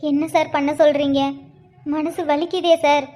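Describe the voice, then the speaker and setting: A woman's voice: high voice, little pitch movement, moderate pace, warm tone, close to an everyday voice. A woman voicing a grieving young widow in a cartoon, tearfully pleading with the police for justice.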